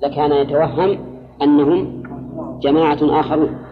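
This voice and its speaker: A man giving a classroom lecture on Quranic readings and grammar, speaking in a measured way, repeating key words and putting questions to his students. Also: a little high, steady tone. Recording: muffled lecture hall with long reverb.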